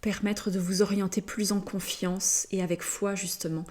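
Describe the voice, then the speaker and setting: A woman giving a slow channeled spiritual message, gentle and halting, often pausing to search for words and yawning between phrases. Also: mid-range voice, flat delivery. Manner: hesitant, halting, many fillers and pauses; yawns often during the session.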